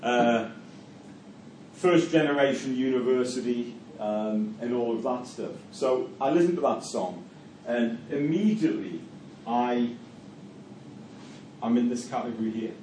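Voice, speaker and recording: Speaking at a measured pace in a mellow, mid-range voice, a middle-aged lecturer from Newcastle, England, with a Geordie accent, teaches a university class and guides discussion. He hesitates, repeats himself, restarts phrases and fills gaps with filler words, picked up from far off in an echoey room with faint noise.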